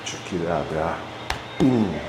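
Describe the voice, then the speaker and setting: A man's voice: low-pitched, lively intonation, slow pace, very noisy. A man from Bosnia and Herzegovina, a truck driver vlogging at a truck stop in loose, slangy, profane banter into a handheld camera. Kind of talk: casual vlog chat. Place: truck stop outdoors and shower room.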